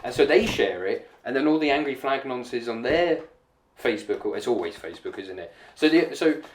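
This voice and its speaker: A man's voice: medium pitch, animated, a little fast, reverberant, a little hiss or hum. A man hosting a comedy podcast, joking and sarcastic in casual chat. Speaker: podcast host.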